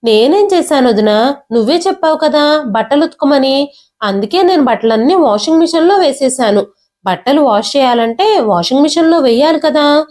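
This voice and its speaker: A woman voicing a young unmarried woman who pleads with her sister-in-law in quick questions. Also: sits high, lively intonation, darkish tone. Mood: protesting.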